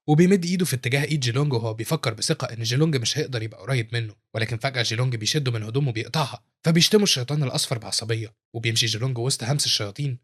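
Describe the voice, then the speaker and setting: A man with an Egyptian accent narrating a comic recap and adding joking asides. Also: medium pitch. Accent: Egyptian Arabic.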